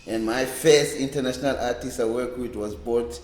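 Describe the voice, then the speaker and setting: Recorded in an echoey library room, a casual oral-history interview features a reggae bass player in his fifties from a Cape Town township, South Africa. His medium-pitched voice is darkish with fairly even intonation, and he halts, repeats words and rambles as he remembers.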